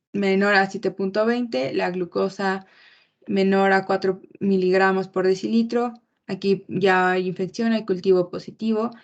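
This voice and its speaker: A young woman giving a medical class presentation, explaining in a measured way with frequent pauses and fillers. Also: medium pitch. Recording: muffled lo-fi recording.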